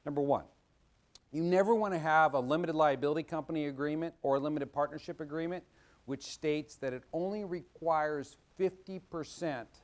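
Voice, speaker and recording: Man, middle-aged, attorney, folksy lesson, animated storytelling, slightly high voice. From Washington State, US. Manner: folksy, animated storytelling, acting out quoted dialogue. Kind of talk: explanatory legal talk with anecdotes.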